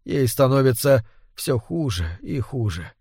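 A man's voice: medium pitch, very animated, measured pace, a little mellow, husky, no room sound, studio quality, full character voice. A man voicing a desperate, anguished husband pleading for help against a vampire. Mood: weary. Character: desperate middle-aged man haunted by a vampire. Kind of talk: audiobook character reading.

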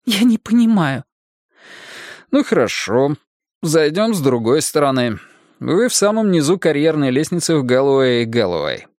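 Man narrating a detective story, lively delivery. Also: mid-range voice, normal speed, no room sound, studio quality. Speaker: audiobook narrator. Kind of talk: first-person detective story reading.

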